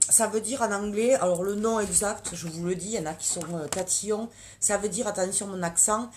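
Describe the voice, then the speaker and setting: A chatty woman, pitched a little high, walking viewers through makeup products in a relaxed live stream. She hesitates often and restarts her sentences. A faint hiss of background noise sits under her voice. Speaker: makeup consultant and seller. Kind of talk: casual live makeup demonstration.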